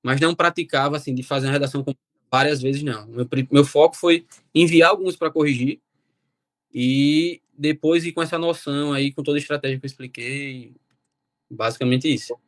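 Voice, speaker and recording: A young man, telling his story as a guest in a casual, animated way. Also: fairly high pitch, brisk, no echo. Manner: animated, quotes himself and relatives. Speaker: interview guest.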